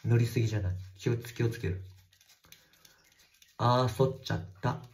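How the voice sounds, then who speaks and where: A man livestreaming from a bathroom, reading viewer comments in casual chat and swearing at commenters in a rough, teasing way. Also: mid-range voice, steady tone, a little fast, a little mellow. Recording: echoey bathroom.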